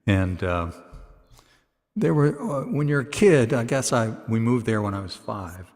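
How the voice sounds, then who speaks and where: A man's voice: mid-range voice, big pitch swings, measured pace. A man from Virginia hosting a songwriter showcase over a video call, talking casually and rambling with lots of fillers. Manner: rambling, filler-heavy, soft-spoken asides. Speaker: songwriter association president and show host. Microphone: computer mic on a video call. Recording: long reverb on the voice.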